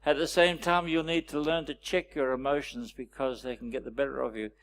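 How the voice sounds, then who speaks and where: A man leading a storytelling workshop, teaching with wry anecdotes and frequent pauses. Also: mid-range voice, steady tone, fairly bright tone. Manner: anecdotal, wry, pausing often. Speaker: workshop presenter.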